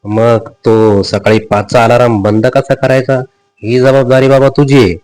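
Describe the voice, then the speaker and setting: A man voicing a playful, bossy middle-aged mother who coaxes and teases her son in a brisk manner. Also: mid-range voice, level tone, clean tone, natural voice. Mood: teasing. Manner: coaxing, brisk, hushed at times.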